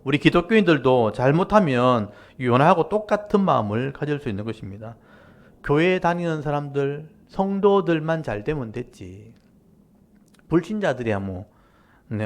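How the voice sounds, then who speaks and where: A man, a pastor, preaching a sermon and explaining scripture to his congregation in a direct, conversational way, with lively rises and falls for emphasis. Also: medium pitch, normal speed. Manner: animated preaching with rising and falling emphasis. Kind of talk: Korean Wednesday-service sermon.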